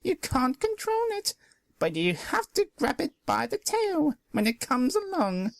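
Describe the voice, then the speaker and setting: A wise old mare landlady from a pony storybook, her voice pitched way up high and drawn out slowly, gently teasing the young couple, as a male narrator puts her on. She sounds worldly and fond. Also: huge pitch swings, creaky, no echo, full character voice. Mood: knowing. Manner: high, slow, warmly teasing.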